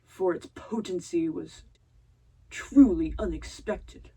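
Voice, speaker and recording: A woman putting on a pompous, grandiose young self-styled dark lord. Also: lowish voice, vocal fry, slightly rough, heavily acted. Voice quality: grandiloquent, slow and deliberate.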